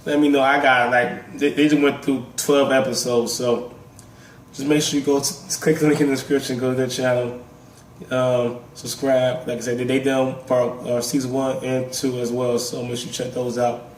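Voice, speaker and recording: A man's voice: medium pitch, level tone, moderate pace, slight background noise. Man with a sick voice, roomy distant mic. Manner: loose, rambling and swearing casually. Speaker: reaction video host. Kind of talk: casual reaction commentary.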